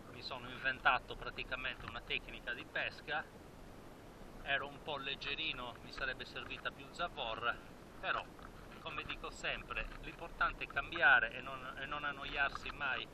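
A man's voice: medium pitch, noisy background. A man in his fifties, a spearfishing vlogger, talking enthusiastically to an action camera outdoors by the sea. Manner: enthusiastic, repeats phrases. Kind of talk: casual vlog narration to camera. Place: outdoors by the sea, then in the water.

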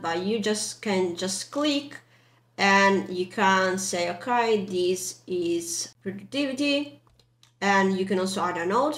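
A young woman with non-native English guides a software walkthrough in an echoey room. Her voice sits at a medium pitch. She explains things step by step in loose, informal phrasing. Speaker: tutorial presenter. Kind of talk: casual screen-recorded software walkthrough. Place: indoor room. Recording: roomy, echoey voice track.

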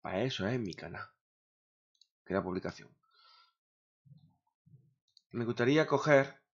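Grumbling streamer, lo-fi sound. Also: male voice, mid-range voice, lively intonation, a little slow. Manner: grumbling, swears often, talks to himself. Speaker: gaming streamer. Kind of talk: casual streaming chatter. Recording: dull lo-fi sound.

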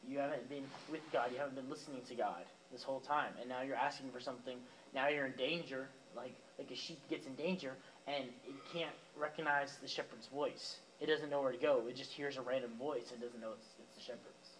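Speaking fairly quickly with hardly any pauses, a young youth pastor gives a chatty sermon to teens in a church youth room, a live audience present, talking to them directly with fillers and asides. His mid-range voice is fairly bright and fairly even in intonation. The recording is rough, with slight background noise.

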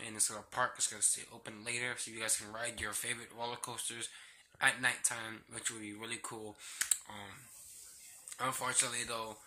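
Bright-voiced young man with a cold sore. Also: on the low side. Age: young adult. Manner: subdued, hesitant, rambling. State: sick with sore throat and a cold sore on his lip. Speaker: vlogger, theme park ride worker. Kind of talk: casual vlog chat. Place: small bedroom, indoors. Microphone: phone or laptop at arm's length. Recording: faint noise, handheld home recording.

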